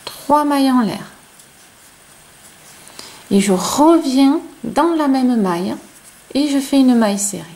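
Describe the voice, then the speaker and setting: A woman with a non-native French accent, teaching crochet step by step and counting stitches aloud in a chatty, soft-spoken way. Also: sits high, lively intonation, slow, pauses often, rough recording. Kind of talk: slow step-by-step tutorial.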